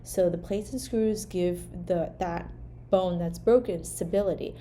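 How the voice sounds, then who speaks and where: In a warm, lowish voice at a measured pace, a woman whose first language is Vietnamese teaches casually about hand therapy. Her talk is conversational and full of "like" and "right?", with slight background noise present.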